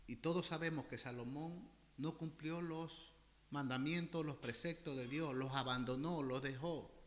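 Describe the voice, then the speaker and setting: A man preaches with fervor, his voice sitting somewhat high for a man. He calls out to his congregation as brothers, repeats phrases for emphasis and swings from loud exhortation to hushed intensity. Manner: impassioned preaching, often addressing listeners as brothers. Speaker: pastor. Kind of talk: sermon.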